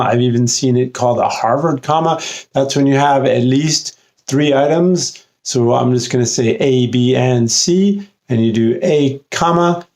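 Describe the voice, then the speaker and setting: A man explaining grammar in an unscripted lesson, his voice sitting at an ordinary middle pitch. He talks casually and unhurriedly, stopping often with fillers and restarting his sentences as he works through each point. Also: vocal fry, a little mellow. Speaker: English writing tutor.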